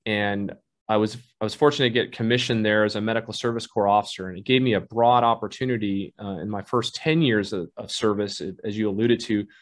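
A man in his fifties from Southern California, an army colonel speaking as a guest over a video call from his office, measured and formal with occasional fillers. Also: fairly low pitch, steady tone.

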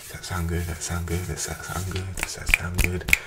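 Seated before a close desk mic in a bright, plant-filled room, a twenty-something ASMR creator acts out a barber roleplay. He talks softly, sometimes whispering, in a calm, repetitive, soothing way; his low voice moves fairly quickly and carries vocal fry. Heavy background noise runs underneath.

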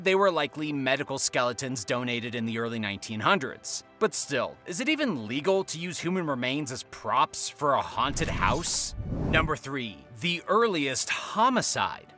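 A man's voice: fairly high pitch, bright, forceful tone. A man narrating a scripted countdown video in a dramatic way, posing teasing questions to the viewer.

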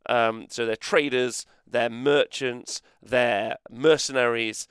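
A man hosting a casual gaming podcast, rambling and animated, with mock-outraged banter. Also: mid-range voice, slow, clean tone, dry recording, studio quality. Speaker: host.

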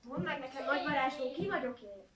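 A tiny lost twig girl, very high. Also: lively intonation. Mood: pleading. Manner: pleading, questioning. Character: lost little twig girl, wondering who she is. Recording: echoey stage from far off, faint noise.

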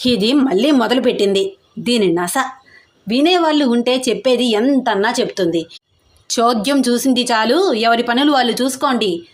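A woman's voice: on the high side, moderate pace, natural voice. A woman voicing a stern, bossy grandmother in an audio story, speaking firmly and scolding. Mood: dismissive. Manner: firm, scolding.

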